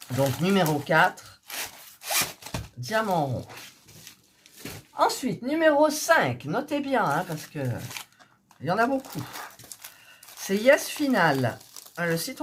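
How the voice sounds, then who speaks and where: This hobby vlogger, her pitch fairly low, talks casually to subscribers while displaying diamond painting kits. She's ill and coughing, hesitant, and full of fillers, with noise in the background.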